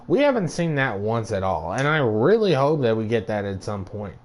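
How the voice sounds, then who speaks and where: A man's voice: on the low side, big pitch swings, normal speed. A man streaming a video game, giving casual, rambling commentary and joking around with silly robot noises.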